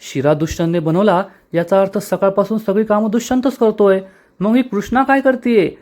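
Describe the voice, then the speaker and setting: A man's voice: high-pitched, normal speed, a little mellow, pitched above the performer's own voice, close to an everyday voice. A man voicing a bossy, angry older mother-in-law who scolds and threatens. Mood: shocked, demanding.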